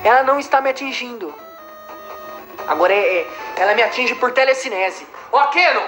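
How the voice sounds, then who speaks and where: Excitable Brazilian woman yelling at a game. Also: fairly high pitch, a little fast. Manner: excitable, shouting, swearing at the game. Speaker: gamer. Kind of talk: live gameplay commentary. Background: game music.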